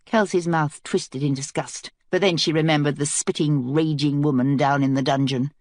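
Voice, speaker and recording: A woman narrating an audiobook in an even, measured way. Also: sits low, no echo, studio quality. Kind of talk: scripted narration.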